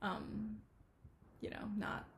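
A young woman co-hosting a podcast, chatting casually, laughing often and using lots of fillers. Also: extremely slow. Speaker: podcast co-host. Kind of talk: casual chat. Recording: faint ambient noise.

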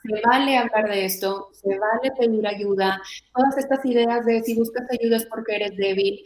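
A woman's voice: a little high, moderate pace, roomy sound, poor audio. A woman, a guest in an interview, speaking expressively and acting out examples. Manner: warm, expressive, acts out examples with lively voices. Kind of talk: conversational interview.

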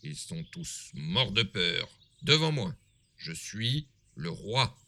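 A man voicing a boastful big bad wolf in a storybook reading, loud and swaggering. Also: lowish voice, very animated, slow pace, heavily acted. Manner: loud, swaggering, self-satisfied.

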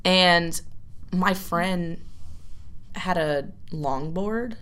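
A woman's voice: lowish voice, very slow, fairly bright tone. A young woman co-hosting a casual chat, telling rambling stories with frequent laughs and fillers. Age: young adult. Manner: rambling, giggly storyteller. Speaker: co-host.

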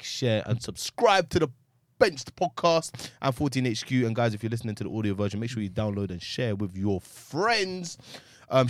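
A man's voice: mid-range voice, no echo, clean studio sound. A man with an urban London accent and matey, slangy delivery, hosting casual football podcast banter. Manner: slangy, matey street talk. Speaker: podcast host.

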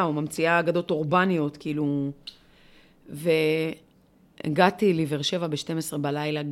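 A middle-aged woman with a somewhat low voice speaks in an interview. She tells a personal story in a heartfelt, searching way. Her talk is full of rhetorical questions and small fillers. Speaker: interviewee, volunteer leader.

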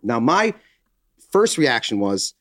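A man's voice: medium pitch, takes it slowly, no echo. A man casually telling a long anecdote to his co-hosts, his voice rising as he gets into it. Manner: animated anecdote teller, voices rise with excitement. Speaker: podcast co-host. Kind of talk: casual chat, storytelling.

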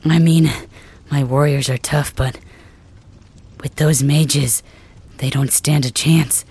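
A woman performing a wounded warrior leader who can't move and drifts toward sleep, speaking in a weary half-whisper. The voice is low, slow and husky. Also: steady tone, a little mellow, exaggerated voice. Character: wounded, paralyzed young warrior leader, proud and protective. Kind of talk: ASMR roleplay audio drama.

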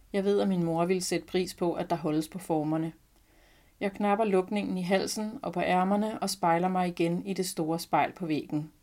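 A woman reading her own first-person story aloud in a calm, quiet, reflective manner. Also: on the low side. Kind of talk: scripted first-person narration.

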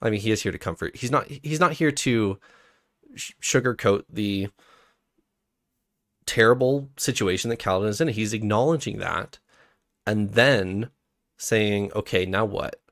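A man's voice: lowish voice, a little slow, long pauses, a bit bright, no echo, studio quality. A man co-hosting a casual book discussion podcast, talking enthusiastically and often restarting his sentences. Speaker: podcast co-host.

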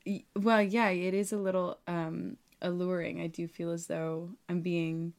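A woman's voice: lowish voice, little pitch movement, unhurried. A woman co-hosting a podcast in casual banter, teasing with playful mock earnestness. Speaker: podcast co-host.

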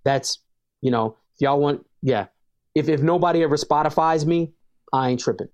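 A man's voice: a little high, normal speed, a little mellow, muffled recording. A man, a hip hop artist talking casually as an interview guest, emphatic and prone to repeating words as he starts sentences.

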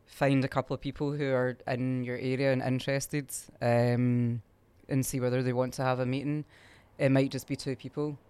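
A man's voice: medium pitch, little pitch movement, normal speed, few pauses, darkish tone, clean tone, no echo. A man, talking casually as a community organiser, rambling with lots of fillers. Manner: rambling, many fillers and restarts. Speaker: strike solidarity group organiser. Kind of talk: casual interview talk.

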